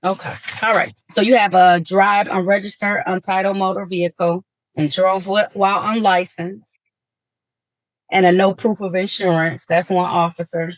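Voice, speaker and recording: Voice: mid-range voice, flat delivery, normal speed, no echo, rough recording. A judge running a hearing, speaking formally and procedurally with frequent ums, captured on a courtroom recording.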